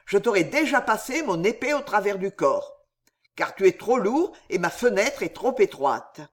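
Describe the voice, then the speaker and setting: A reader voicing a proud man poet who declaims with booming indignation.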